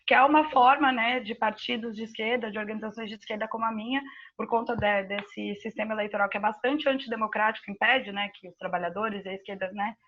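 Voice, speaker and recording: A woman's voice: medium pitch, a bit bright, highs cut off. A woman from São Paulo, answering interview questions and explaining at length with many fillers. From São Paulo, Brazil. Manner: fluent, filler-laden explanation. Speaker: teacher and activist guest.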